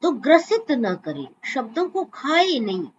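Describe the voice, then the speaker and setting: A woman with a fairly high voice leads a Sanskrit lesson at a slow, deliberate pace. She recites verses and demonstrates pronunciation by drawing out single sounds. Her voice comes through a muffled video-call line with a faint hiss underneath. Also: sing-song. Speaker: Sanskrit teacher.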